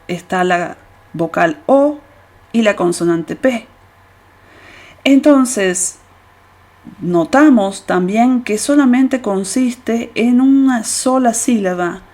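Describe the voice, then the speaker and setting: A woman teaching English grammar in a slow, careful way, pausing often with hesitations. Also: medium pitch, darkish tone. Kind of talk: explaining grammar to students.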